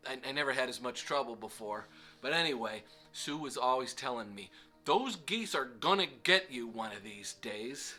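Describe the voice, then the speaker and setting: A man's voice: medium pitch, bright, forceful tone. A middle-aged man casually telling a self-deprecating story with lots of fillers. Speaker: vlog host.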